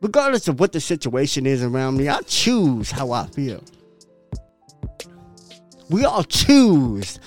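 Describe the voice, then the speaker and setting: A man hosting a podcast, giving a profane, emphatic motivational talk that repeats its points and breaks into laughter. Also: high voice. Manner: profane, emphatic, repetitive preaching; animated, laughs often. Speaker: podcast host.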